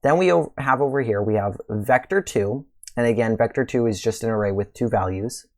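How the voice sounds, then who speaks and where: A man's voice: medium pitch, a little fast. A man hosting a screen-recorded coding tutorial, talking casually through each step, his voice a little worn. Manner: casual, relaxed walkthrough with fillers and pleased exclamations. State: slightly losing his voice. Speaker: tutorial host.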